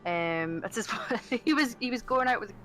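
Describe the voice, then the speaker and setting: A woman's voice: on the high side, animated, moderate pace, a bit bright, soft background music, poor audio. A Scottish woman narrating a tabletop game as game master, chatty and laughing often. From Scotland.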